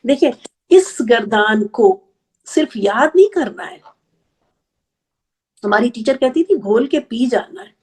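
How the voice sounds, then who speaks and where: A woman teaching an Arabic grammar class, explaining patiently step by step and counting slowly aloud. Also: fairly high pitch, expressive, darkish tone, breathy edge. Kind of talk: online class lecture.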